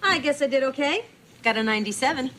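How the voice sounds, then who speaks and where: A woman's voice: sits high, animated, fast. An actress playing a cheerful, friendly mother who is studying law, in a sitcom. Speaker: mother and student. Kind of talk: sitcom acting. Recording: noisy TV sound with loud studio laughter.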